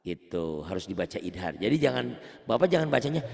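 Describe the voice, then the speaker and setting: A man's voice: lowish voice, sing-song, fast, vocal fry, darkish tone, in a large hall. A man teaching Quran recitation rules one-on-one, patiently repeating points and quizzing his student. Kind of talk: one-on-one tajwid lesson.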